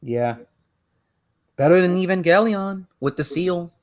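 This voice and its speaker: A man hosting a laid-back online podcast with friends. His voice sits slightly high for a man. He rambles and restarts, stacking "like" and "is that" as he hunts for words. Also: expressive. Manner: rambling, halting, heavy on "like" restarts. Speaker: podcast host. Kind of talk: casual online podcast chat.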